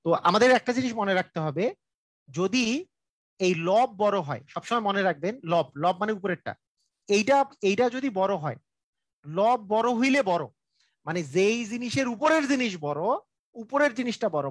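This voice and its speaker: High-pitched man drilling a math lesson. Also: expressive, moderate pace, dry recording. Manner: repetitive, drilling explanations with frequent check-ins; colloquial, speaks directly to viewers. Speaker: math teacher. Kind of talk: live online math lesson.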